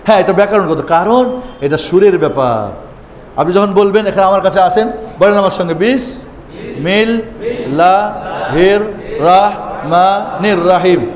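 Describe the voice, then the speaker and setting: A man teaching Quran reading to a class, asking pointed rhetorical questions and chanting letters and verses in drawn-out tones. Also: high-pitched. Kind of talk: classroom lesson. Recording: echoey room with long reverb, faint background noise.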